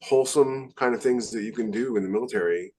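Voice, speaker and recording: Fast-talking and a little mellow, this medium-pitched man is a veteran who hosts a podcast. He rambles through casual stories, frequently starting phrases over.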